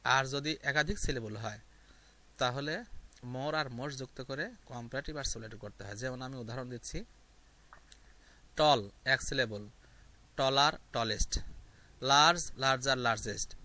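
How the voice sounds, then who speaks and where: Male tutor, patient step-by-step explainer with fillers, bright tone. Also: medium pitch, a little slow, long pauses. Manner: step-by-step explaining with frequent fillers and repeated examples. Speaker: English grammar teacher. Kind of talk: explaining grammar lesson to viewers.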